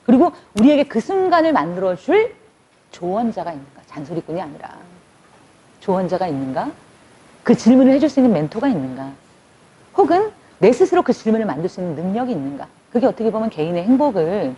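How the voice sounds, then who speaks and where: A woman gives a public lecture in a chatty, animated way, her pitch sitting a bit high and swinging widely. Her voice is dark and slightly husky. The recording sounds dull and lo-fi. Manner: lively, conversational, acts out quotes.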